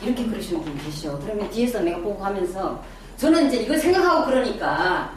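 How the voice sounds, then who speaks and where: A middle-aged woman with a medium-pitched voice and a Daegu Gyeongsang accent gives a casual lecture on personal image, quizzing her audience and making self-deprecating asides. She is in a lecture room with a small audience. The distant mic records a very echoey room with background noise.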